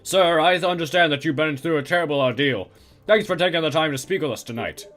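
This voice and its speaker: A man's voice: a little high, brisk, fairly bright tone, soft background music, close to an everyday voice. A man voicing a male TV news reporter, delivering each line in a punchy newscaster style. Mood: solicitous.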